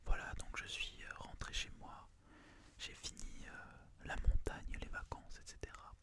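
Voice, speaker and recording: Breathy whispering comes from a young adult ASMR host from France, recording indoors in his small student flat. He addresses viewers slowly and soothingly, softly echoing his own phrases.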